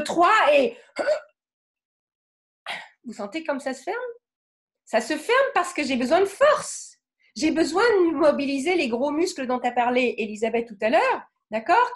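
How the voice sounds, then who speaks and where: A French woman giving a lively talk on the voice, acting out emotions with sudden vocal bursts and often checking in with her audience. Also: sits high. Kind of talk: lively spoken lecture with demonstrations.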